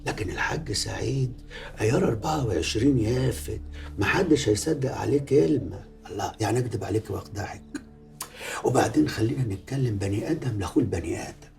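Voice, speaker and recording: A man's voice: mid-range voice, lively intonation, fast talker, vocal fry, darkish tone, faint music behind. An actor with an Egyptian accent playing a pious-talking, scheming middle-aged man who threatens his ex-lover in a film drama. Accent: Egyptian Arabic. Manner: sanctimonious, menacing, full of religious phrases.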